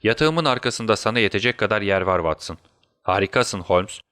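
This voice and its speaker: A man's voice: fairly low pitch, expressive, brisk, bright, forceful tone, smooth, no echo, clean studio sound. A man voicing a sick, feverish male detective in a storybook reading, urgent and conspiratorial.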